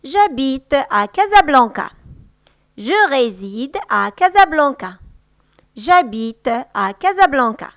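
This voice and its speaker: A female French teacher with a high voice speaks slowly, her pitch swinging widely, with no room sound. In this clear language lesson she patiently repeats example sentences, slower and louder.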